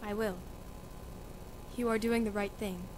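A woman's voice: medium pitch, fairly even intonation, measured pace, a little mellow, a little hiss or hum, lightly acted, low-quality recording. A woman playing a practical household nurse who gives blunt, matter-of-fact advice. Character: pragmatic old nurse, blunt adviser. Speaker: student actor in a school reading.

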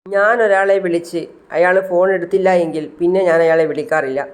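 A woman's voice: lowish voice, a little fast, natural voice. A narrator voicing a hurt young woman. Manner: pleading, reproachful questions. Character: hurt angry young woman confronting a friend.

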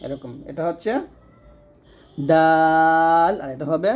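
A man teaching Quran letter pronunciation in a slow step-by-step lesson, repeating each sound for the listener to copy. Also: on the high side, darkish tone, faint music behind.

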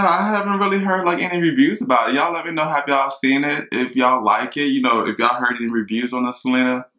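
A man chats on camera between bites, rambling and talking straight to his viewers. His voice is bright and forceful, and it rings through an echoey home kitchen. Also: medium pitch. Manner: chatty, rambling, talks to viewers as y'all. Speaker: mukbang vlogger. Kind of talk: casual chat while eating.

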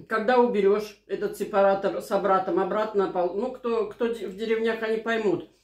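A woman's voice: medium pitch, fairly even intonation, a little fast, a little mellow. Older woman chatting in a roomy space. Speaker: mukbang vlogger. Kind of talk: casual chat and anecdotes over a meal. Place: small living room at home, indoors. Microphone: camera across the table. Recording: roomy, echoing home room.

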